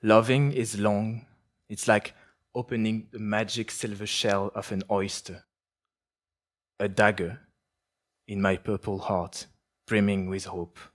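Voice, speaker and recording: Low-voiced author reading aloud. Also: male voice, level tone. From France. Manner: measured, poetic delivery while reading; halting with restarts when answering. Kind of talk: literary reading and interview answers.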